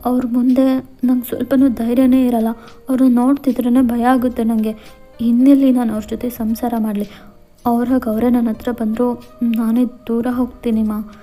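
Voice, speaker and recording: A timid young wife who pleads in a high, anxious voice, as a woman puts her on for a storybook-style audio tale. The tone is dark and mellow, with faint music underneath. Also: level tone, moderate pace, close to an everyday voice. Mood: worried.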